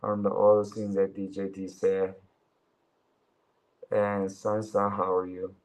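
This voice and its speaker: Unhurried and completely flat, his low, darkish voice carries casual livestream chatter. He's a twenty-something man from China, a native Chinese speaker, who curses, addresses listeners as bro, and does mocking impressions in a raised voice.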